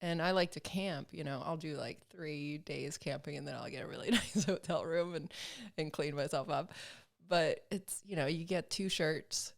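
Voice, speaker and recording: A woman in her thirties, a podcast guest, talking casually and reflectively, often pausing with fillers as she thinks aloud. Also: low voice, gravelly. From Sweden, grew up in Alabama. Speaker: podcast guest, film producer and motorcyclist. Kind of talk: casual conversational interview.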